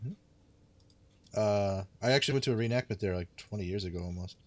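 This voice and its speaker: A man's voice: fairly low pitch, fast talker, dry recording. A man from Ohio co-hosting a gaming podcast, talking at length in a casual, detailed way. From Toledo, Ohio, USA. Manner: talkative, detailed and self-listing. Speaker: podcast co-host.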